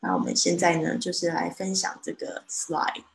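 A woman gives a live online English lesson, explaining each phrase step by step and saying it slowly to model it. Her low voice has a gravelly edge. The recording is roomy, with a faint noise underneath. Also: level tone. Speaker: English teacher.

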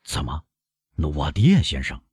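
A man reading an audiobook, voicing a shaken middle-aged prosecutor who begs in a hushed, faltering voice. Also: very deep voice, wildly swooping pitch, normal speed, breathy edge, no echo, clean studio sound, pitched below the performer's own voice, exaggerated voice. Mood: pleading.

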